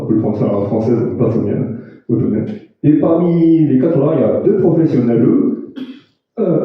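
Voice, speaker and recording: Rambling man presenting in an echoey hall. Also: mid-range voice. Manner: rambling, self-mocking, many restarts and fillers. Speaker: presenter at a data visualization awards event. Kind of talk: casual live presentation with jokes. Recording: echoey room from far off, dull sound.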